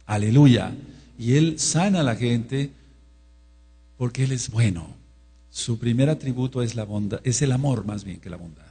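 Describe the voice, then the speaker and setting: Husky-voiced preacher, emphatic sermon. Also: male voice, mid-range voice, unhurried. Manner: emphatic, repetitive, swings between hushed and loud.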